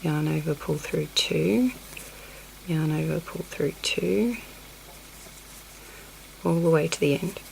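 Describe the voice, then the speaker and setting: Close-up shots of her hands accompany a sniffly woman with a cold teaching crochet in a craft tutorial. Her low-pitched voice is slow, with vocal fry and long pauses, as she counts stitches under her breath and apologizes in asides; the rough recording carries a little hiss or hum.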